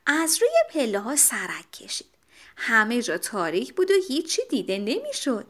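A woman reads a children's tale aloud, animated and expressive. Her voice sits high and moves a lot. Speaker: storyteller. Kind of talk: children's story narration.

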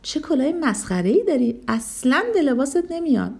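A woman's voice: sits high, big pitch swings, vocal fry, darkish tone, full character voice. A woman doing a cocky bully boy elephant. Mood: taunting. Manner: taunting, cocky. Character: big bully boy elephant, boastful and mocking.

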